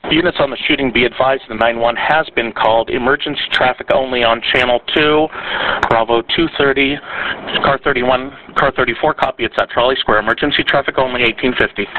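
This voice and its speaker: A man dispatching calls over a police radio, his speech clipped, steady and procedural. He sits well back from the mic, so his voice comes through thin and far off, buried in static. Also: medium pitch, fairly quick. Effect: police radio transmission. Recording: tinny distant radio with static.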